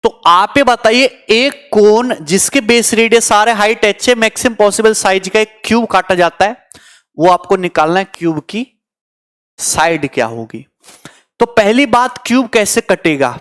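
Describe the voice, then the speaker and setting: Man, maths coaching teacher, high voice, smooth, chatty and teasing. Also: expressive, moderate pace, fairly bright tone. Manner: teasing, chatty, answers student comments. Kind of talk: online exam coaching lecture.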